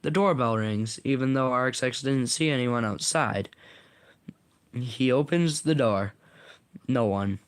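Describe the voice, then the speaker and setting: A man's voice: mid-range voice, unhurried, long pauses, dry recording. A man reading his own story aloud in a casual way, sometimes stumbling and correcting himself.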